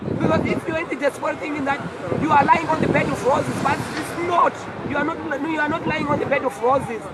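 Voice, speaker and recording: Outside an embassy amid a noisy crowd, a Zimbabwean woman who organized a walk gives an emotional street interview. Hoarse and tired, she speaks in a high, steady voice, halting and earnest, repeating her words, while loud crowd noise fills the recording.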